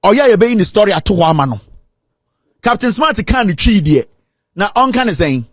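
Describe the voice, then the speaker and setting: A man's voice: high-pitched, big pitch swings, normal speed, no room sound, clean studio sound. A man, giving heated commentary on the radio with lists of complaints.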